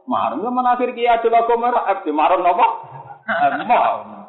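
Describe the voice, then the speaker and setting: A man with a Javanese accent preaching a sermon, animated and joking, often asking his listeners rhetorical questions. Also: very high-pitched, very fast. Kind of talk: religious sermon. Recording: echoey, phone-like lo-fi sound.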